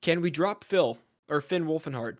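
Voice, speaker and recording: A man co-hosting a casual film podcast, chatting in an animated, jokey way about movie news. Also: on the high side, measured pace. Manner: animated, jokey, swings into bits and mock voices. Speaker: podcast co-host. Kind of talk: casual chat.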